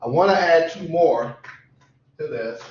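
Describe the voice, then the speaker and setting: A tired, sleepy man teaching a lecture class, repeating definitions slowly so students can write them down. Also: on the high side, a little mellow. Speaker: college instructor. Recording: echoey classroom, dull lo-fi sound.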